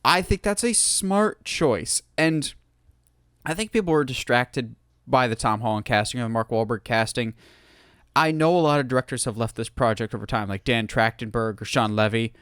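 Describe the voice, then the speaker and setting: Enthusiastic podcast host man, smooth and dry. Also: mid-range voice, normal speed, no room sound. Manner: enthusiastic, opinionated, animated. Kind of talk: casual podcast chat.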